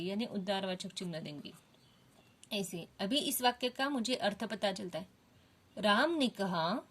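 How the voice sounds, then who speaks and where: A woman's voice: a little high, fairly bright tone. A woman teaching a Hindi grammar lesson to children, explaining step by step and asking the class questions.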